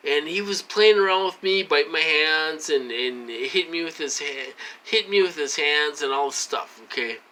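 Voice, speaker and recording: A man's voice: medium pitch, sharp tone, low-quality recording. A man vlogging in a casual, rambling monologue while having a drink, repeating himself and asking "okay?" as he goes.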